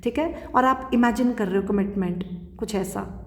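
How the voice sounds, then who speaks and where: A woman with a Punjabi accent giving a pick-a-card tarot reading in a calm, repetitive way, slipping between Hindi and English. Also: mid-range voice, moderate pace. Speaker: tarot reader. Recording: roomy echo with long reverb.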